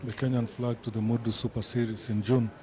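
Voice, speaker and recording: A man's voice: medium pitch, flat delivery, fairly quick, a crowd in the background. A man giving live darts commentary as the match goes on. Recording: clearly noisy live event sound.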